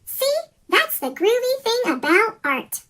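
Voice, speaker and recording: A reader of a rhyming children's picture book, voice pitch-shifted into a chipmunk effect, reading in a sing-song way. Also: very animated, slow, pushed and bright. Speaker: storybook reader.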